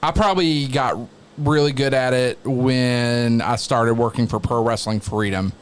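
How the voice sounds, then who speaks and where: A man who works as a wrestling announcer, chatting casually as an interview guest in a halting, reflective way. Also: medium pitch, steady tone, slight background noise.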